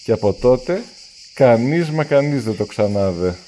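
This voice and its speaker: Lively man reading a children's story. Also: medium pitch, a little hiss or hum. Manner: lively, acts out the characters' lines. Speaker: storybook reader. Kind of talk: children's story read-aloud.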